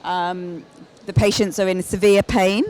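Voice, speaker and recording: A woman's voice: mid-range voice, fairly even intonation, unhurried, darkish tone. A middle-aged woman giving a live presentation on a handheld microphone as a lead clinician. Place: exhibition stand in a large busy indoor hall. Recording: live hall with clear background noise.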